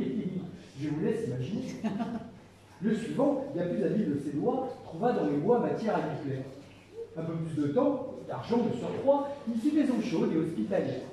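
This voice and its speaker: A man's voice: high voice, warm tone, a little hiss or hum. A man telling a tale live, chatty and joking with asides to the listeners. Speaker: storyteller. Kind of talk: live oral storytelling. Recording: echoey hall from far off, faint ambience.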